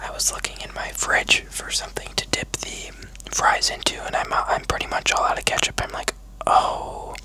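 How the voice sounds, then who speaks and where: The voice is a steady whisper from start to finish, in the style of an ASMR food vlog. The host chats casually and takes their time, speaking close to the microphone. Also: low-quality recording. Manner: whispering throughout, unhurried, casual and chatty. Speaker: mukbang video host.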